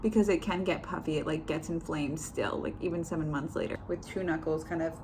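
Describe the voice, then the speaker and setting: A woman's voice: sits low, fairly quick. A woman in her twenties giving a casual, conversational personal update to camera, in an informal way. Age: 20s. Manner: informal, conversational, quotes others in reported dialogue. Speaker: vlogger. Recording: clear background room noise.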